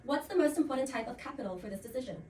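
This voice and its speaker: Very fast and animated, a high-pitched woman acts as game show host in a student role play, trading scripted, teasing banter. The recording is very noisy and echoey, from a far-off mic with music in the background.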